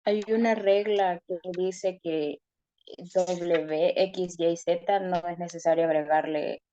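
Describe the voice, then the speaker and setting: A woman student answers slowly and carefully in a low, mellow voice. Her voice sounds dull and distant, as if it comes through an online call. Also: steady tone, a little hiss or hum. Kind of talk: answering in class.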